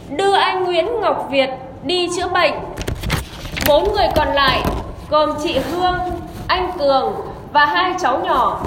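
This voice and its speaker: A woman reading a formal, measured official announcement as a commune radio announcer over a public loudspeaker. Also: very high voice. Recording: echoey loudspeaker, long reverb, background noise.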